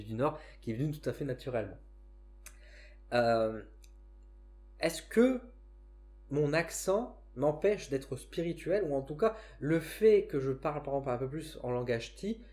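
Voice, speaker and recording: A man with a northern French accent talks casually to camera about spirituality. He sits at a middle pitch and thinks aloud, pausing and restarting his sentences as he goes. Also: warm tone. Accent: northern French (Ch'ti). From northern France. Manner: reflective, frequent hesitations and self-restarts. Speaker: psychic and spiritual vlogger.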